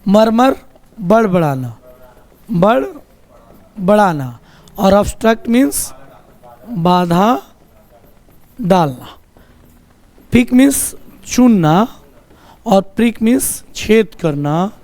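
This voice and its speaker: A man's voice: high voice, sing-song, dark tone. A man teaching a class, drilling vocabulary and quizzing students, saying each word again and again. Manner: repeats words slowly, quizzes the students. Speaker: English teacher.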